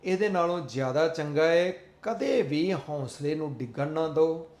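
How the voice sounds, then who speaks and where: A man's voice: on the high side, measured pace, darkish tone, roomy sound. A man giving an earnest motivational talk, repeating his points in a sermon-like way. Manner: earnest, repetitive, sermon-like delivery. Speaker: motivational speaker.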